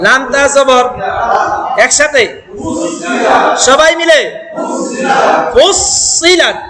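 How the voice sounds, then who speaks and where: High-voiced man drilling Quran syllables. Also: over a noisy crowd. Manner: drills syllables slowly, asks students to repeat. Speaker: Quran teacher. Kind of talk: classroom recitation lesson. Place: classroom with group of students. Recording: echoey hall with class noise. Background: students repeating aloud.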